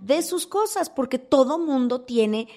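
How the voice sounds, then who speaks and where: A woman's voice: sits high, lively intonation, a little slow, darkish tone. A woman speaking as a thanatologist guest in an interview, talking expressively and acting out the voices she quotes. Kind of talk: interview conversation.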